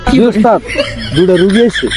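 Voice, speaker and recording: A man's voice: high-pitched, a little fast, natural voice. A man playing a cheeky, servile exorcist's assistant in a comedy skit, with a rural Bangladeshi accent. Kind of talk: broad comedy skit acting. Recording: music behind the voice.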